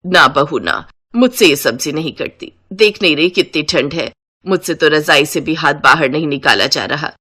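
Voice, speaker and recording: A woman's voice: deep voice, animated, moderate pace, sharp tone, breathy edge, voice pushed down, heavily acted. A woman voicing a fussy older mother-in-law who gives orders and complains about the cold, in a comic storybook. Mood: complaining. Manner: commanding, then whiny.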